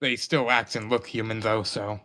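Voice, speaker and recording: A man playing a tabletop role-playing game, explaining his character's reasoning in long, measured sentences. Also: fairly low pitch, flat delivery, sharp tone.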